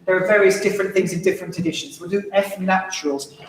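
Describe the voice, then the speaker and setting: Male choir director, light high voice, brisk and wry, heard from far off in an echoey hall. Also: a little hiss or hum. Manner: brisk, wry and encouraging, sings phrases to demonstrate. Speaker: choir conductor. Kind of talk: choir rehearsal instruction. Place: large echoey rehearsal hall. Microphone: distant room microphone.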